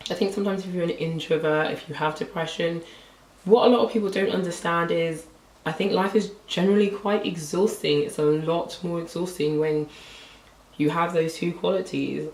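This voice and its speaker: Slightly hoarse woman chatting about books. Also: on the low side, moderate pace, a little mellow, far from the mic. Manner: chatty, rambling, lots of "like" fillers. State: slightly hoarse, losing her voice. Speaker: book vlogger. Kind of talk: casual book review chat. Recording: roomy echo, voice a bit off-mic.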